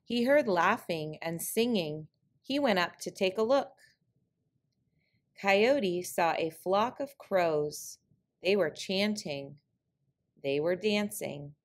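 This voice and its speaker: Very slow woman storyteller, lowish voice. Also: expressive. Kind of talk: picture-book read-aloud of a trickster tale, scripted narration.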